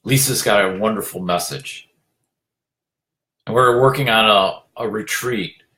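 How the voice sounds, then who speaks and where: A man giving an earnest motivational talk as a leadership coach, urging listeners on, repeating his phrases and filling pauses with "you know". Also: on the low side, sharp tone.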